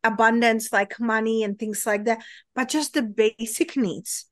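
This Czech-accented woman, a guest coach from the Czech Republic, chats expansively in a relaxed interview, peppering her talk with "like" and "you know." She speaks a little high and a little slow. The sound is dry and clean, as if from a studio.

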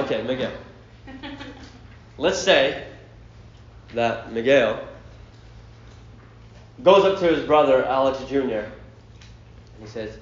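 A man preaching a sermon to a youth group, acting out a story with lively voices and slaps. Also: mid-range voice, a little hiss or hum. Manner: animated storyteller, acting out scenes. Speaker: pastor. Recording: roomy, dull lo-fi hall.

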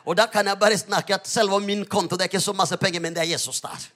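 Pastor, male, high voice, lively storyteller, emphatic sermon delivery.

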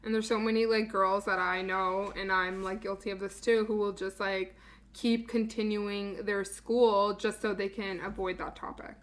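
A woman's voice: mid-range voice, level tone, normal speed. A young woman co-hosting a podcast in casual chat, blunt and teasing with sarcastic jabs. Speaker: podcast co-host.

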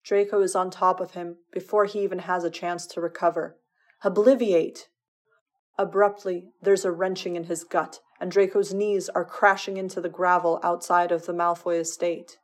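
A woman with a fairly low voice reads fan fiction aloud as an audiobook. She leans into the action with a dramatic, expressive delivery. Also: normal speed, few pauses. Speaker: podfic reader. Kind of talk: expressive fanfiction audiobook narration.

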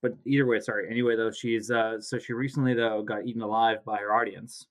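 Low, flat-voiced man with a sore throat. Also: quick pace. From Canada. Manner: rambling, self-correcting, joking. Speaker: podcast host. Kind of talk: casual chat. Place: home, recording remotely. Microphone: home mic, video call.

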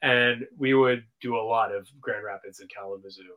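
A man in his thirties, a band member guest, telling stories in an animated way full of "like" and "man". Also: lowish voice, moderate pace. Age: 30s. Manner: animated storyteller, lots of "like" and "man". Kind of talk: casual chat.

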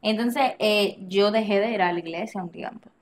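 An animated woman speaking as a podcast guest, recounting a personal experience in a relaxed, conversational way. She tends to act out the lines she quotes, and she often restarts her sentences mid-thought. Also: mid-range voice, moderate pace, a little hiss or hum. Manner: animated, acts out quoted dialogue, frequent restarts and laughs. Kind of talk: personal storytelling in casual conversation.

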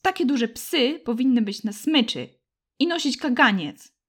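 A woman's voice: a little high, lively intonation, a little slow, fairly bright tone, breathy edge, full character voice. A woman voicing a sulky, frightened boy from the city, petulant and stammering in his retorts. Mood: grumbling.

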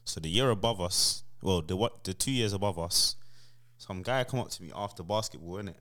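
A man's voice: sits low, brisk, fairly bright tone. A man with a London roadman accent telling an anecdote in casual chat, full of street slang and checking tags.

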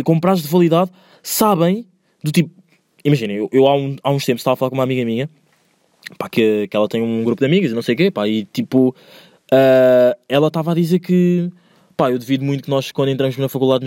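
Fast-talking young European Portuguese man. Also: a little high, warm tone, no echo, studio quality. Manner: slangy, rambling, rants with rising heat. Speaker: podcast host. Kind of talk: solo podcast monologue. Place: indoors, recorded alone at home.

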